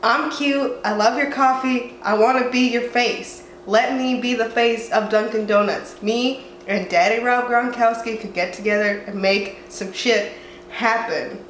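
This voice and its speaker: Her voice sits on the high side, steady and measured, as this young southwestern American vlogger rambles casually and self-mockingly while stuffed up from a cold at home. Faint background noise and a roomy echo fill the recording.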